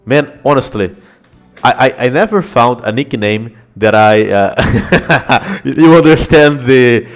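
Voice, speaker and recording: A man's voice: mid-range voice, lively intonation, slow, soft background music. A man streaming live game analysis, chatting with viewers, swearing often and laughing a lot.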